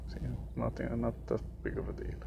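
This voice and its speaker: A young Swedish gaming video creator whispers casual gameplay commentary in English, his third language. He speaks with a Swedish accent, haltingly, often hunting for the right word.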